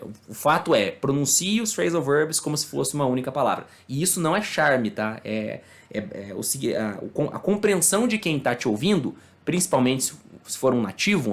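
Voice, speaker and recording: Brazilian guy teaching english online, talks it through slow with lots of fillers and tag questions, middle pitch. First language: Portuguese. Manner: explains slowly with many fillers and tag questions. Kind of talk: casual online lesson.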